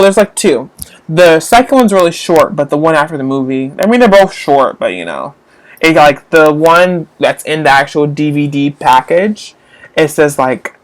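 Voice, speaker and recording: A young man hosting a casual live stream, chatting with viewers while getting frustrated with his tablet and phone. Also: fairly high pitch. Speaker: livestream host.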